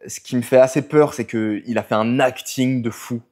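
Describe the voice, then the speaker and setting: A man's voice: mid-range voice, steady tone, moderate pace, a little mellow. A man telling his poker session as a vlog, analytical and full of English poker jargon. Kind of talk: storytelling vlog narration.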